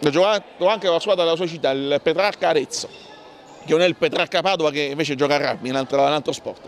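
High-pitched man commentating sport. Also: fast, a little hiss or hum. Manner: excitable, calling out names and goals in bursts. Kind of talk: live handball match commentary.

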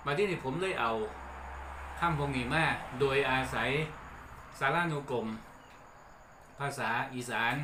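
A middle-aged man with an Isan accent, hosting a relaxed lesson on old regional words and chuckling between points. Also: mid-range voice. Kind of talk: casual explanatory talk. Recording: echoey room with faint background noise.

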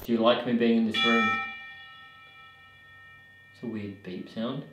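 A paranormal investigator in his thirties insistently questions unseen spirits and comments to camera in a bare basement at night. His mid-range voice is steady and a little slow, with music in the background and an echoey room sound.

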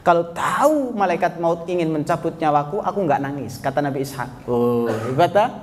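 A man's voice: on the high side, animated, normal speed. Chatty male preacher in a reverberant hall. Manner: chatty, asks the audience questions and addresses them as sir. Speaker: Islamic preacher. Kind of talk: storytelling sermon to a study group. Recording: long hall reverb, faint background noise.

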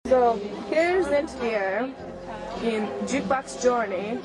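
A woman's voice: a little high, expressive, over music, rough recording. A young woman narrating a trip home video in a playful, giggly way, recorded as old camcorder audio. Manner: playful, giggly, halting in German. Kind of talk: casual home video narration mixing German and English. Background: crowd chatter.

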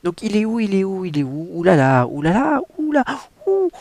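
A man's voice: sits high, big pitch swings, normal speed, a little mellow, no echo, pitched above the performer's own voice, full character voice. A man voicing a flustered young woman who stutters and exclaims frantically while hunting for her tiara. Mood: frantic. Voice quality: stuttering, repetitive.

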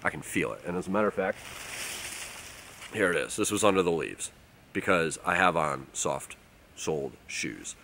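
Low-voiced man teaching in the woods. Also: normal speed, vocal fry, pauses often, slight background noise. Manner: relaxed, explanatory, uses fillers like um and like. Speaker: outdoors channel host. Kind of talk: casual outdoor how-to talk to camera. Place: outdoors in a leafy winter forest.

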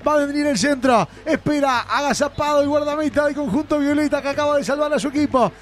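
A Uruguayan man giving breakneck live radio football play-by-play, with goal commentary that runs into shouted calls. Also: extremely high pitch, fast.

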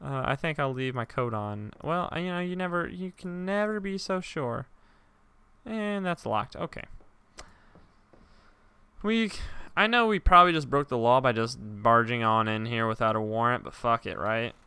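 Bright, jokey young man playing a game. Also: medium pitch, clean tone, no room sound. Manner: jokey, profane, quick to shout. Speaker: gaming YouTuber. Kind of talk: let's play commentary.

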